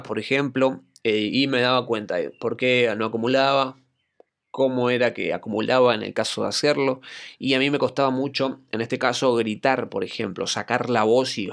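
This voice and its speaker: A man with an Argentine Spanish accent hosts a solo podcast, conversationally sharing a reflective personal anecdote. His voice is on the low side, fairly bright, with vocal fry, and he works as an acting coach.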